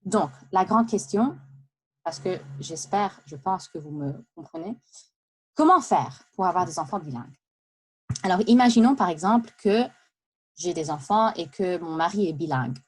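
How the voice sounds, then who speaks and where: A woman delivers a prepared talk in a fairly low voice. She sounds lively and conversational, drifting into asides and small hesitations as she goes. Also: husky. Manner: lively, chatty, with asides and laughs. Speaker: speaker giving a practice talk. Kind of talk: prepared speech for interpreting practice.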